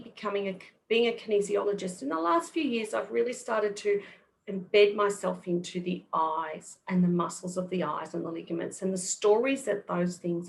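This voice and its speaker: Middle-aged Australian woman, podcast guest, mid-range voice, steady and explanatory. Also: medium pitch, vocal fry, slight background noise. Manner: patient, explanatory. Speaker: guest kinesiologist. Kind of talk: podcast interview.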